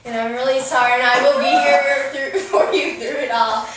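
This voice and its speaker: A woman's voice: high-pitched, fairly even intonation, normal speed, over a noisy crowd, close to an everyday voice. A young woman playing a nervous giggly sister. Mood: nervous, apologetic. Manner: giggly, nervous, breaking into laughs. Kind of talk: amateur skit acting. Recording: noisy echoey room from far off.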